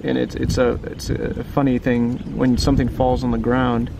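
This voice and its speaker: Over a noisy background, a creaky, monotone, medium-pitched male voice reads to kids at a moderate pace. The children's book reader and teacher keeps things informal, frequently asking the listener questions and tag questions.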